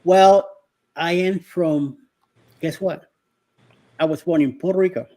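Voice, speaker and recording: A man's voice: on the high side, steady tone, slow pace, mellow. Rambling middle-aged man hosting a live chat. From Miami. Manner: rambling, hesitant with many fillers; greets viewers by name. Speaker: live stream host.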